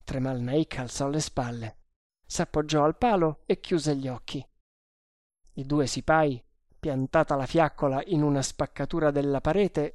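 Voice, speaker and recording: A woman narrating an adventure novel in a measured, deliberate reading. Her voice is very low for a woman and unhurried, and the sound is dry and close with no room around it. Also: a little mellow, dry recording. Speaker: audiobook narrator.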